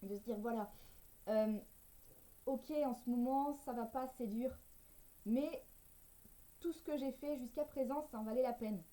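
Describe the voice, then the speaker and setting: A French woman, a personal development coach and writer, talks through a casual personal vlog recorded on poor sound. Her voice is a little high and mellow, a little slow, and she pauses often, hesitating, stumbling over her words and laughing now and then.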